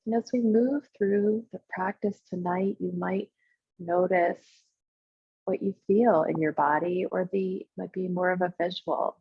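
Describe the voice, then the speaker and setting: A woman guides a visualization as a meditation leader, her lowish, slightly husky voice offering short instructional phrases at an unhurried pace with pauses between them. It was recorded with a muffled, roomy, echoey sound.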